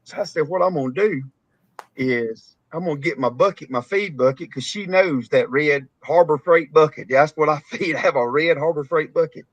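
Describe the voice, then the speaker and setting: A man's voice: a little high, moderate pace, no echo. A man with a Texan accent, a cattle farmer hosting a casual live-stream chat, who rambles and laughs through his stories. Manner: rambling, laughing storyteller with rural Southern grammar. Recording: dull, dry lo-fi stream audio.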